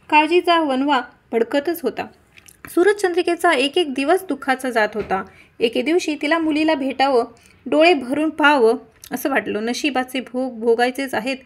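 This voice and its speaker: A woman narrating a devotional folk tale in a steady, measured storytelling manner. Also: high voice.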